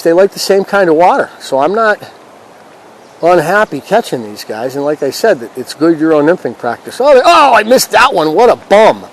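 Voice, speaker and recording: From a river outdoors, a fishing vlog host keeps viewers company with relaxed, folksy chatter while he fishes. His voice is a little high. It's a low-quality recording, but the river and ambient sounds are clear.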